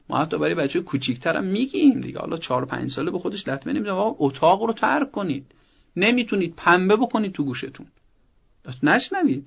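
A man's voice: fairly high pitch, creaky. A man speaking as a parenting expert on a radio advice show, earnest and emphatic, pressing his points with rising insistence.

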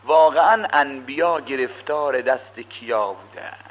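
A man, a cleric, telling a religious story in a lively, colloquial sermon, with asides to his listeners. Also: medium pitch. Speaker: cleric preacher. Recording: dull lo-fi old radio recording.

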